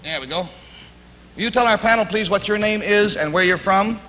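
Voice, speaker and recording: High bright host from a 1950s TV broadcast. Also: male voice, a little fast. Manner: folksy, chatty showman. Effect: old 1950s TV broadcast sound. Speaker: game show host. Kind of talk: live 1950s TV game show hosting. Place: TV studio stage. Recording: dull lo-fi 1950s TV audio, reverberant studio, faint hiss.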